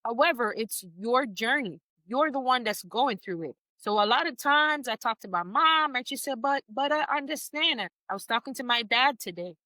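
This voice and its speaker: A woman speaks earnestly on a podcast in a bright, forceful voice, halting now and then and restarting her words. The sound is close and dry, with no room around it. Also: a little high, animated, no echo. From United States. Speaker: podcast guest. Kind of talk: emotional personal conversation.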